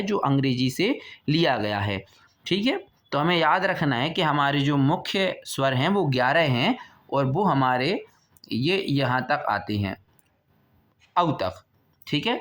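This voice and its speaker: A man's voice: mid-range voice, a bit bright. A male teacher giving an exam-prep lesson, repeating key points and asking his students questions.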